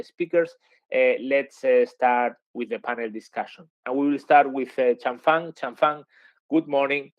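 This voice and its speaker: A man's voice: medium pitch, no echo. A man moderating a webinar, introducing speakers and asking questions with many hesitant fillers. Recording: dry, dull lo-fi sound.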